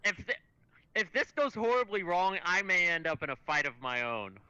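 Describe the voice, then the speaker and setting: A man's voice: high voice, big pitch swings, normal speed, sharp tone, clean tone, no room sound, dull audio. A man playing a tabletop game, in casual upbeat table talk. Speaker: player.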